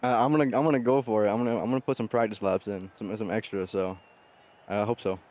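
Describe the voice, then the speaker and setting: A male sim racing driver answering post-race interview questions, hesitant, with many pauses and restarts. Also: fairly low pitch, fairly even intonation, lo-fi sound.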